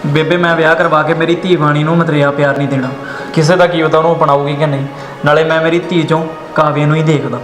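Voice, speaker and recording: A young man with a Punjabi accent, acting a grieving widower and father who talks quickly and earnestly. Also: on the high side, little pitch movement, natural voice. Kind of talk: village drama acting. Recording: echoey room with loud background music.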